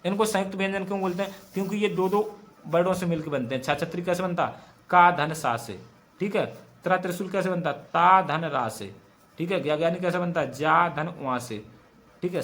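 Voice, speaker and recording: A high-pitched young man with a western Uttar Pradesh Hindi accent runs an exam-prep grammar lesson. He drills his mnemonics aloud and comes back to the same points again and again. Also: fast. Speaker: teacher.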